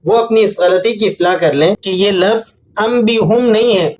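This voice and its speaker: A man teaching correct Quranic pronunciation in a patient, corrective way, demonstrating words slowly. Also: high voice, a little hiss or hum. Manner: patient, corrective explaining, with slow demonstrated examples. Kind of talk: instructional tajweed lesson.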